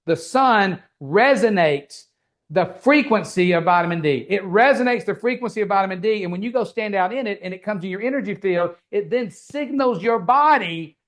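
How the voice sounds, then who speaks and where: High-voiced stammering man. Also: expressive, moderate pace, fairly bright tone. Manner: stammering restarts, calls listener brother. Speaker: podcast host. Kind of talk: casual podcast chat.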